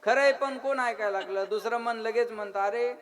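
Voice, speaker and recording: A man giving a devotional kirtan sermon, quizzing and teasing his listeners and chanting verse lines slowly, with a live audience behind him. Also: extremely high pitch, fairly bright tone. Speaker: kirtan preacher. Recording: live crowd audible behind.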